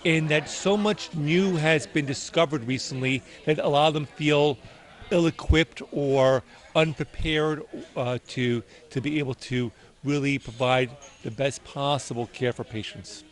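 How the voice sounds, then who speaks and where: Higher-voiced middle-aged man, earnest doctor. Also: measured pace. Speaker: cancer doctor, interviewee. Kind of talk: interview answers.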